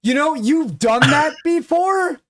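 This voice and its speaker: A male livestream host speaks slowly in an extremely high, expressive, fairly bright voice. He chats casually, swears a lot, and teases his guest bluntly.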